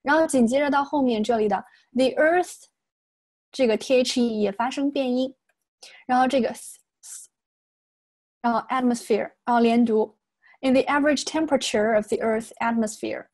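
A woman teaching English pronunciation for an exam, patiently repeating words slowly to drill them. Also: fairly high pitch, a little mellow. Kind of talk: exam prep lesson, explaining in Chinese.

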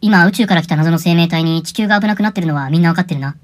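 A woman's voice: lowish voice, rapid-fire, lightly acted. A woman voicing a father in a cartoon who records a grave farewell video and then frets over being watched. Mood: mortified. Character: solemn father, secretly embarrassed.

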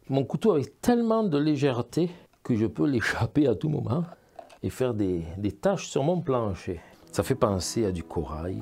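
Man, low mellow voice, relaxed studio painting demo, faint music underneath. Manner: chatty, thinks aloud, addresses viewers with "hein" and "vous voyez". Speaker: painting instructor. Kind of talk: casual painting demonstration.

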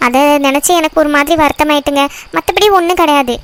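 A young cartoon wife who is homesick but devoted, voiced by a woman. She talks in a soft, pleading way with a very high voice and a quick pace. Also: natural voice. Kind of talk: cartoon voice acting.

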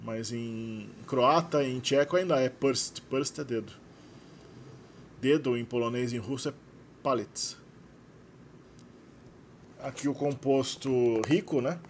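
Male teacher, slightly raised pitch, explanatory tone as he narrates his course screens. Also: darkish tone. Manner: explanatory, frequent "né" tags. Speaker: language course creator. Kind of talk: screen-share lesson narration.

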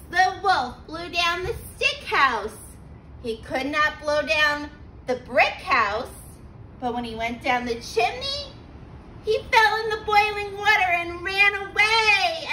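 Female teacher, storybook read-aloud for kids, bright and unhurried. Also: high-pitched, slight background noise, poor audio. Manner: expressive, explains words for kids. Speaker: teacher reading to children.

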